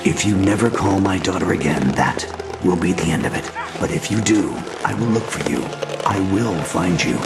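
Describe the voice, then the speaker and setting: An actor playing an overprotective cartoon father who slowly threatens a caller in a deep, gravelly voice. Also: lively intonation. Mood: menacing. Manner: slow threatening menace. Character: overprotective stern cartoon dad, menacing on phone. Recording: echoey music-backed cartoon clip.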